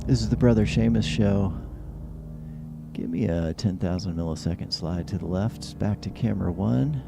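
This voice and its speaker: Male late-night stream host, gravelly, loose and conversational, whistling s, music underneath. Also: deep voice, normal speed. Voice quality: whistling s sounds. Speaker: host of a live-streamed call-in show. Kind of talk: casual late-night monologue. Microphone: close handheld or stand microphone. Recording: music behind the voice. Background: background music.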